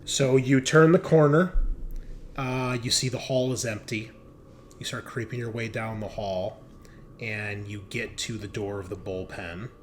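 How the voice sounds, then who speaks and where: As game master for a tabletop game, a man improvises the narration casually, talking colloquially and with some profanity. His voice is lowish, steady and unhurried, and background noise is clearly audible.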